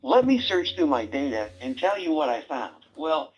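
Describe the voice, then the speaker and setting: A man's voice: a little high, big pitch swings, moderate pace, highs cut off. A man voicing a wisecracking male talking brain robot toy that teases its owner and gives quiz-style prompts. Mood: teasing. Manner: sarcastic, teasing, bossy quiz-style prompts. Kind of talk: toy voice lines.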